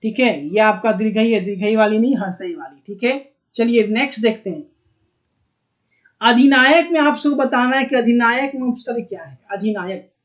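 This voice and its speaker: Coaxing Bihari Hindi teacher quizzing students. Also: male voice, extremely high pitch, normal speed, lo-fi sound. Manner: coaxing, repeats words and asks students questions. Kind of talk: online exam-prep lesson.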